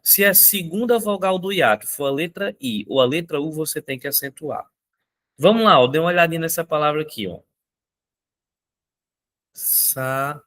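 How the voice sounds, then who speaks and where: A man's voice: a little high, animated, fairly quick, fairly bright tone. A male teacher, teaching an upbeat exam-prep lesson. He repeats key points and keeps asking his viewers questions.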